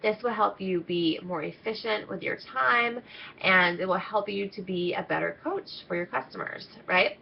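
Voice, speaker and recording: A woman coaching her internship team gives a chatty, upbeat video training talk, full of ums. She's congested and coming down with a cold, so her mid-range voice sounds nasal, with vocal fry at a normal speed. The lo-fi audio is slightly dull, with a little background noise.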